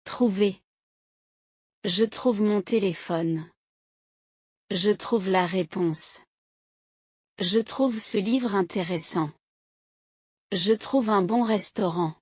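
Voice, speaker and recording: A woman reads short example sentences one at a time at a very slow, deliberate pace. Her delivery is steady and carefully articulated. She is recorded close and dry, with no room sound around her. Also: medium pitch, dry recording. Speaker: language teacher reading example sentences.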